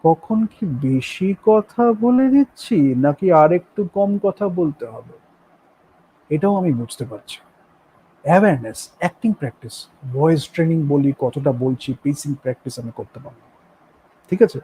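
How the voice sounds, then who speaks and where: A man speaks in a reflective, coaching tone. His voice sits a little high and sounds husky. He stretches his English phrases out slowly and moves faster through his ones. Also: lively intonation, warm tone, poor audio. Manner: shifts freely between slow, drawn-out English phrases and quick Bengali. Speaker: acting and voice coach. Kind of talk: reflective talk mixing Bengali and English.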